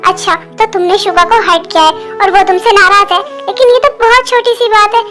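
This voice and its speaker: A woman's voice: very high voice, fairly even intonation, fairly quick, over music. A woman voicing a caring mother comforting her daughter-in-law in a Hindi fan dub, soothing and reassuring.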